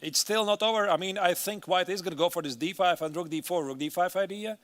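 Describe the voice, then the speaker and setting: A man's voice: high voice, fast talker, fairly bright tone. A man giving live chess commentary, thinking aloud through moves in a conversational way.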